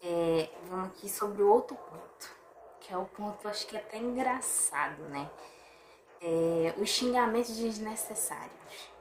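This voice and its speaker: A chatty woman talks straight to her viewers, tossing out rhetorical questions and sighing in exasperation. Her voice sits at a middle pitch and rings in a roomy, echoey space. A faint hum of ambience sits behind her. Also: lively intonation, unhurried. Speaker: vlogger. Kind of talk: casual opinion monologue to camera.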